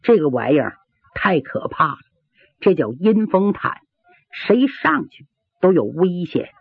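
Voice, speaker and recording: Woman pingshu storyteller, dramatic, sweeping pitch, slightly husky; phone-thin radio recording. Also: sing-song, a little slow, no room sound. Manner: dramatic, sound effects, rhythmic listing. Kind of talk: traditional Chinese pingshu storytelling. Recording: tinny old radio broadcast.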